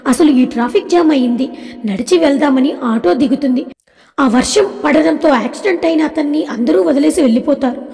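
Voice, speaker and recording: A woman narrating an audiobook story in a steady, plain storytelling way. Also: high voice, a little fast, gravelly, long reverb tail.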